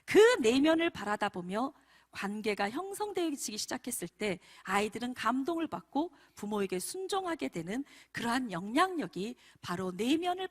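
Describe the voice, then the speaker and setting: A woman preacher tells a story from the pulpit with an animated, very lively melody. Her voice sits slightly high, and she keeps turning to the congregation as she speaks. The style is a heartfelt storytelling sermon. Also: slightly rough. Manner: animated storyteller, often addressing the congregation directly. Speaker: missionary preacher. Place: church prayer meeting.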